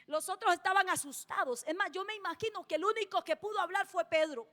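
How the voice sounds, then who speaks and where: A woman preaches an emphatic sermon in a very high voice, hammering her key phrases and putting questions to the congregation. Her words trail off into a long church-hall reverb. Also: quick pace, pushed and bright.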